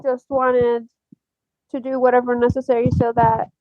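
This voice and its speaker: A woman's voice: on the high side, little pitch movement, moderate pace, dry recording, muffled recording. Hesitant young woman from Algeria. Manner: hesitant, many fillers and soft laughs. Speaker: podcast guest. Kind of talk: casual interview chat.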